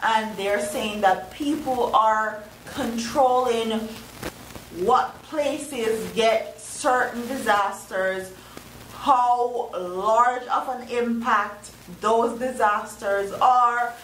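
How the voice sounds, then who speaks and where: A woman's voice: fairly high pitch, very slow, fairly bright tone. A Jamaican woman talks earnestly to her viewers and puts questions to them. Her voice echoes off the hard walls of a bathroom, and the mic sits some distance from her. Faint background noise runs underneath. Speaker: vlogger. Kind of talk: casual vlog commentary. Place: bathroom while travelling.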